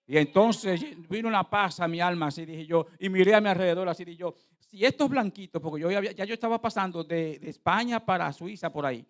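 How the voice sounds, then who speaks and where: Animated preacher with a high voice. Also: male voice, fast, hardly any pauses. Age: middle-aged. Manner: animated storytelling preacher, swings from quiet asides to loud proclaiming. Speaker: pastor. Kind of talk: sermon.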